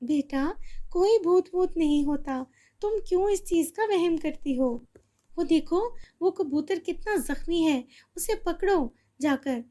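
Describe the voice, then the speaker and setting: Storybook mother, caring and anxious, soothing tone, mellow voice, as a woman puts her on. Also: very high-pitched, measured pace, voice pushed up. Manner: soothing, pleading. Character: worried, loving widowed mother.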